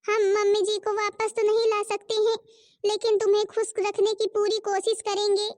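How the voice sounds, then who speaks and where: A dutiful young cartoon daughter-in-law, with a very high, bright, sped-up tone. She is earnest and reassuring, always fussing over the family. The recording is close and dry. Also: completely flat delivery, moderate pace, no room sound, distant mic. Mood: comforting. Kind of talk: Hindi cartoon voice acting.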